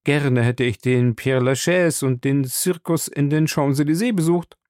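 A man voicing an excitable, talkative young French manservant in a storybook reading, proud and quick to take offence. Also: a little high, dry recording, studio quality, pitched above the performer's own voice, natural voice. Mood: chatty. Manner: chatty, proud, indignant.

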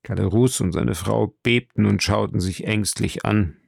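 A man narrating an audiobook in a measured, dramatic way. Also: on the low side, fairly even intonation, gravelly, no echo, clean studio sound.

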